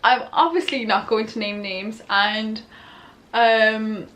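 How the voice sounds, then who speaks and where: A woman's voice: fairly high pitch, steady tone, slow pace, fairly bright tone. A young woman answering follower questions in a casual, candid, giggly and tipsy chat. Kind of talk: casual chatty Q&A to camera.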